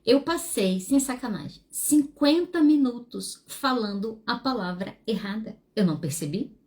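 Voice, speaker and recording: A woman, hosting a solo podcast as a psychologist, speaking frankly and animatedly with wide swings in pitch. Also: lively intonation, unhurried, darkish tone. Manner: frank and self-deprecating.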